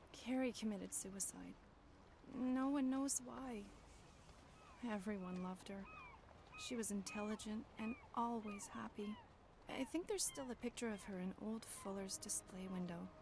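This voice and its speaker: A woman's voice: mid-range voice, measured pace, pauses often, background noise, lightly acted. An actress playing a grieving young woman in a video game, telling her story earnestly and sorrowfully. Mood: sad. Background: game music.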